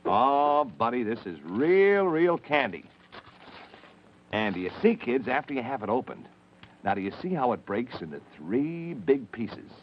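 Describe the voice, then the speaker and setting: A man's voice: medium pitch, big pitch swings, measured pace. A man hosting an old children's TV show, speaking in a folksy, exclamatory way to the kids. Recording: muffled, noisy old TV recording.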